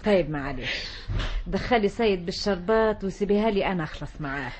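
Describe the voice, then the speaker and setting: An actress playing a kindly wealthy Egyptian village lady who chides the girl warmly but firmly, in a 1960s radio drama. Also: mid-range voice, animated, fast, a little hiss or hum, close to an everyday voice. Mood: gently chiding. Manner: warm but firm.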